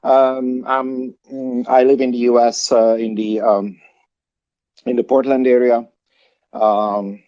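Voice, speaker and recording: A man's voice: mid-range voice, little pitch movement, dull audio. A man from Hungary who founded a project, talking casually on a livestream with lots of fillers and restarts. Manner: halting, many fillers and restarts.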